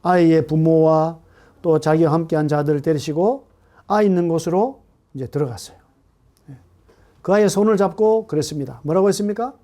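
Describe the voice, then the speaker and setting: A middle-aged man preaching a sermon to a congregation in an animated way, often asking them questions. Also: a little high, brisk, pauses often. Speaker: pastor. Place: church hall.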